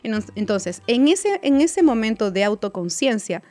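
A woman's voice: a little high, sing-song, moderate pace, a little mellow. Coaching woman psychologist, faint music. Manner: coaching, repeats words, asks listeners for agreement. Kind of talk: advice talk to viewers.

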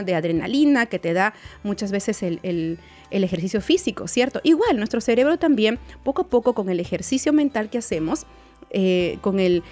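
Woman psychologist, mid-pitched voice, coaching advice talk, faint music bed. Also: darkish tone. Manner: coaching, repeats words, asks listeners for agreement.

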